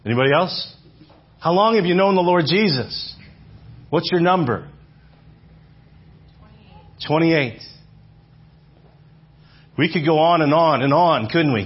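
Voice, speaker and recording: Speaking to a church congregation, a man in his fifties delivers a conversational sermon in a slightly rough voice that's a little high. He often repeats phrases and asks the room questions, and the recording is dull and lo-fi.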